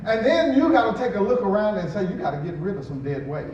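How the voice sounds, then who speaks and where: A man with a notably high voice preaches in a casual, storytelling way, slipping into quoted voices and little laughs. He is picked up from a distance in a strongly echoing church hall, so his words ring around the room. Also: very animated, quick pace, lo-fi sound, crowd noise. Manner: conversational preaching with acted-out quotes and chuckles. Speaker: pastor. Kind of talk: sermon.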